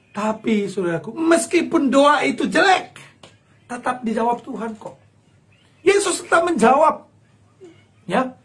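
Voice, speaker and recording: A man's voice: very high-pitched, fairly bright tone. A male pastor, preaching a sermon in an emphatic style, acting out quoted voices and repeating phrases.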